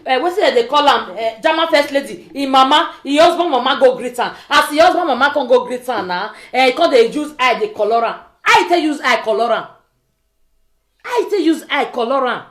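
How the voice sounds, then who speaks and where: Speaking high, animated and fairly quick, a woman with a West African accent launches into an informal pidgin rant in the style of a social media vlogger. She scolds and keeps repeating pointed rhetorical questions, and the recording sounds echoey and roomy.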